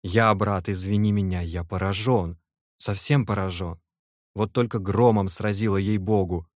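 A man voicing an excitable, effusive young male clerk in an audiobook, exclaiming emotionally. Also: low voice, moderate pace, no echo, clean studio sound, close to an everyday voice. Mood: excited.

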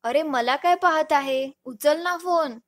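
A woman voicing a lively young wife in a storybook reading, chiding and a little bossy. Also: high voice, slow, pitched above the performer's own voice. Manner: scolding, bright.

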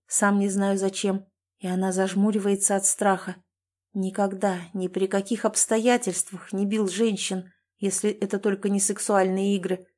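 A woman narrating a first-person audiobook in a steady, even reading voice. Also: mid-range voice.

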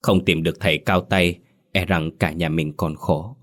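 A man's voice: low-pitched, steady tone, moderate pace, fairly bright tone. A man voicing a gloomy middle brother who speaks in a subdued way.

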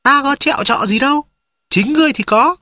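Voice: high voice, brisk, sharp tone, no echo, studio quality. Someone voicing Richard Parker, a blunt proud tiger. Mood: indignant. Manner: curt, challenging replies. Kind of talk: audiobook dialogue.

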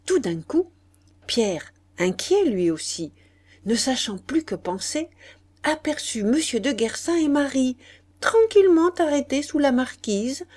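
A woman narrating a classic novel as an audiobook in a measured, expressive reading. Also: mid-range voice. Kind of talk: scripted narration.

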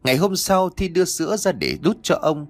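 A man narrating a ghost story, reading with lively expression and voicing the characters' lines himself. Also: a little high, fairly quick, no echo.

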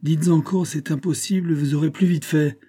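A man voicing a furious, imperious young king who shouts his commands in an audiobook. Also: on the low side, fairly even intonation, brisk. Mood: exasperated.

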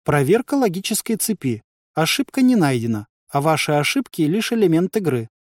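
A man voicing a cold game system that announces in flat, clipped phrases. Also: on the high side, fairly quick, no room sound, clean studio sound.

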